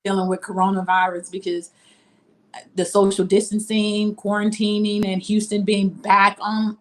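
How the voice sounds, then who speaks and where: A woman's voice: medium pitch, flat delivery, normal speed. A woman from Mississippi, a boutique owner, talking casually in an interview over a video call with frequent ums.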